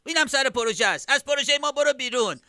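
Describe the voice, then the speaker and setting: A man dubbing a hapless, broke villager in a comedy film, talking excitably and rising to indignant shouts. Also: on the high side, no room sound, full character voice. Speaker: dubbing actor. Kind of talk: dubbed comedy film acting.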